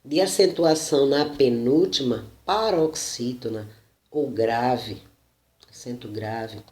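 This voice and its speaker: Brazilian teacher, measured lecturing pace, mid-pitched voice, echoey room. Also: darkish tone. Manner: slow, deliberate, frequent "né?" and self-corrections. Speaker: Portuguese teacher. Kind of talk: spoken lesson, reading and explaining. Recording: roomy echo.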